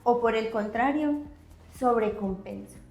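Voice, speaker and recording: A woman psychologist explaining concepts on a podcast, teacherly, often checking in with a quick question. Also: fairly high pitch, darkish tone, reverberant. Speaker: psychologist guest.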